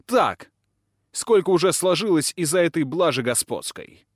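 A man voicing a sullen, hot-tempered young man who shouts back indignantly. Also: on the high side, animated, moderate pace, no echo, studio quality, pitched above the performer's own voice. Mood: defiant shouting.

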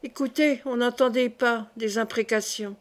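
A timid young lady-in-waiting pleads anxiously, as a woman reading a novel aloud gives her voice. The voice is fairly high. She sounds frightened and unsure. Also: fairly even intonation, normal speed, lightly acted.

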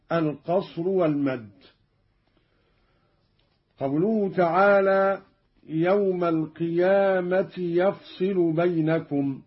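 A man explaining Quran reading variants in a scripted radio lesson, in a measured way, stopping to chant verses slowly. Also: fairly high pitch, slightly rough. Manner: measured explanation broken by slow chanted recitation. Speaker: Quran recitation teacher. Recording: dull lo-fi old radio recording.

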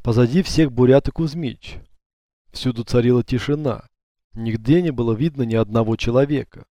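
A man narrating an audiobook in a steady, even voice, recorded close to the microphone. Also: medium pitch, moderate pace, dry recording.

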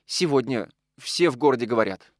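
A man's voice: mid-range voice, animated, brisk, no room sound, clean studio sound, close to an everyday voice. A man voicing a trembling young housemaid with plain, folksy speech. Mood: timid. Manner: timid, folksy talk.

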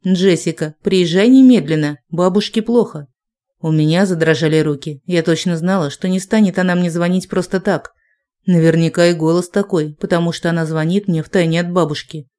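Low, mellow woman reading a story. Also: steady tone, brisk. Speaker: narrator. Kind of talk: first-person audiobook narration.

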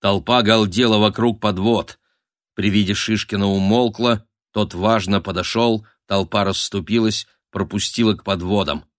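A man narrating a dark period thriller audiobook in a dramatic storytelling manner. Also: lowish voice, steady tone, moderate pace, no echo, clean studio sound. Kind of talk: scripted narration.

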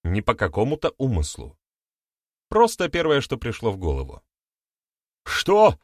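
A man narrating an audiobook in an expressive reading style. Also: lowish voice, moderate pace, no room sound, clean studio sound.

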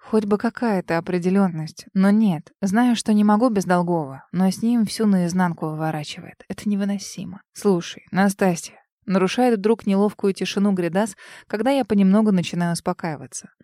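A woman's voice: mid-range voice, brisk, dark tone, no echo. Dry-voiced woman narrating. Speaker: audiobook narrator. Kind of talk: first-person scripted narration.

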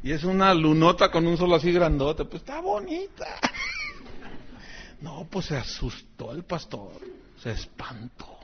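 A middle-aged Mexican pastor preaches in a loose, joking manner and acts out the voices of people in his stories. His voice sits high for a man. The recording sounds dull and lo-fi. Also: sing-song, unhurried, slight background noise. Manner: chatty and joking, acting out quoted voices. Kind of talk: sermon with personal anecdotes.

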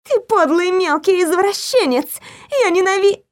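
A woman voicing a shrill, indignant betrayed woman. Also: expressive, moderate pace. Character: hurt, furious grown woman in love. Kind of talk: audiobook character voice.

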